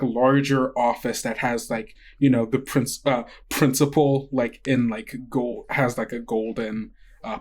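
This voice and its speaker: A man with a medium-pitched, darkish voice narrates a tabletop game as game master, improvising casually and hesitantly, with frequent "like" and "kind of."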